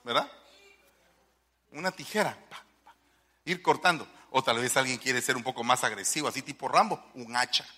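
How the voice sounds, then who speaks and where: A man preaching a lively sermon, firing rhetorical questions at the congregation. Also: mid-range voice, normal speed, pauses often, husky.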